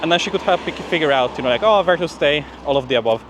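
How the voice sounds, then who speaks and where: This young adult vlogger, a PhD student, chats to camera as he walks a street, somewhat out of breath, filling his talk with "you know" and "like." He speaks quickly in an expressive, fairly high voice. Outdoor traffic and street noise are clearly audible.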